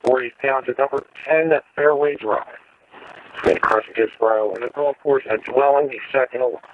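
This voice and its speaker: A man's voice: medium pitch, moderate pace. A man announcing fire alarms over the radio in formulaic dispatch phrases. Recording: dull radio with faint static, clicks.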